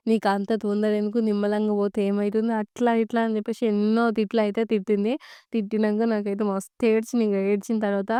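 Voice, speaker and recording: A woman's voice: medium pitch, clear, resonant tone, dry recording, clean studio sound. A young woman, chatting casually as a home vlogger and telling a story straight to her viewers. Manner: lively, chatty, addresses viewers directly.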